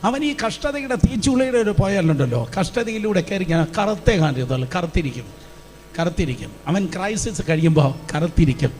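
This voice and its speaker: This pastor's voice is high-pitched and animated, a bit quick and slightly mellow. Before his congregation in a church hall, he delivers a passionate Pentecostal sermon full of call-and-response, urging listeners to repeat after him.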